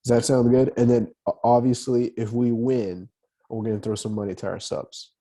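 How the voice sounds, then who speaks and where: A man's voice: mid-range voice, fairly even intonation, moderate pace, warm tone. A young man co-hosting a casual podcast, teasing his friend and laughing often. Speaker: podcast co-host. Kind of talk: casual chat.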